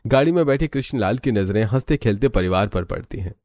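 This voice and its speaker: A man's voice: on the low side, expressive, fairly quick, darkish tone. A man reading scripted narration for a cartoon family story. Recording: clearly noisy background.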